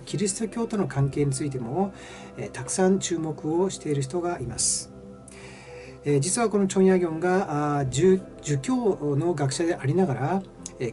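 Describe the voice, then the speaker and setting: A man hosting a history channel, explaining in a halting lecture style full of drawn-out fillers. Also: fairly high pitch, dark tone. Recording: dull lo-fi sound.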